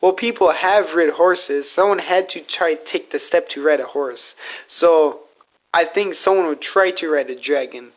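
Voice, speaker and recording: A podcast host with a voice on the high side asks questions at a moderate pace. The show is casual, and he argues his case in an earnest, speculative manner.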